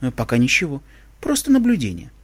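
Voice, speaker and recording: Man doing a quiet, watchful zebra. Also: mid-range voice, wildly swooping pitch, breathy edge, dry recording, voice pushed down, exaggerated voice. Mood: observant. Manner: quiet, measured.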